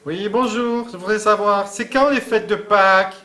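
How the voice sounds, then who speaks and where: A man's voice: high-pitched, moderate pace, sharp tone. A man playing a brash, boastful caller in a student comedy sketch. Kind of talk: comic sketch acting.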